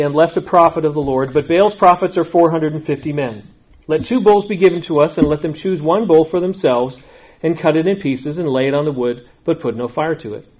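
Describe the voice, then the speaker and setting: A man preaching in a church, reading scripture aloud with slow, emphatic phrasing and then speaking to the congregation. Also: a little high, darkish tone. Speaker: pastor.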